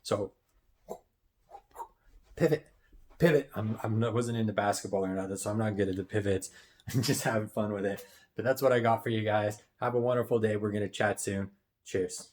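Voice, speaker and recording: A man, a business financing coach, talking casually to camera, often tagging "right?" and clearing his throat while wearing headphones. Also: lowish voice, little pitch movement, brisk, darkish tone. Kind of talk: casual motivational talk to camera.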